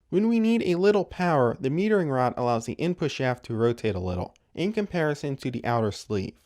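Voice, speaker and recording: A man hosting a car teardown channel, narrating a technical explainer with dry, self-mocking humor. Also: medium pitch.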